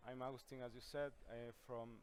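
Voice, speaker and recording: A man's voice: mid-range voice, flat delivery, quick pace, slight background noise. A young man, speaking earnestly as an interview guest at a conference. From Ecuador. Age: young adult. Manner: earnest, with a few restarts. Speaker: youth climate coalition founder, guest. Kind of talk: conversational interview answers. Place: busy conference venue.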